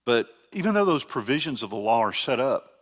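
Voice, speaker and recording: A man's voice: mid-range voice, big pitch swings, fairly quick. An older man, a pastor giving a conversational teaching sermon with frequent restarts.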